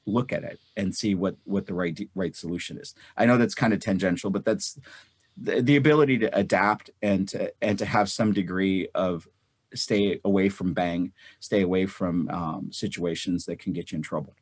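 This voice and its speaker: A man in his fifties from North India, a guest telling a story in an interview, halting and repeating words, livelier when he quotes people. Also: low-pitched, husky, dry recording.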